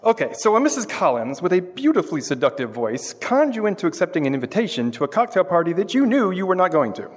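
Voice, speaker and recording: A man playing a cocky, sarcastic detective's assistant in a live old-time radio drama, breezy and quick with a quip. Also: sits high, big pitch swings. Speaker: stage radio actor. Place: historic courthouse, live on stage. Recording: long reverb of a courthouse hall.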